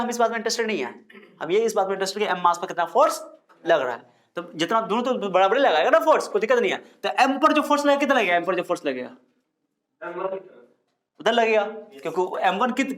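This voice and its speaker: A man's voice: high-pitched, a bit bright. A man teaching physics to a live class, explaining and quizzing students, mixing Hindi with English terms and scolding them to stop talking. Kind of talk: classroom lecture.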